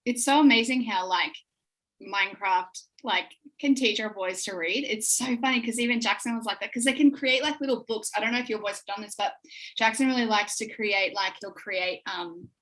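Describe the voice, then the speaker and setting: A woman's voice: medium pitch, brisk, fairly bright tone, rough recording. A woman, hosting a casual chat over a video call in a bubbly, chatty way full of fillers. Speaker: podcast host.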